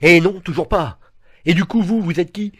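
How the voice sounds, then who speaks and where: A man's voice: high voice, moderate pace, fairly bright tone, husky, no room sound. An actor playing a confused teenager stuck in a grown man's life, baffled and exasperated.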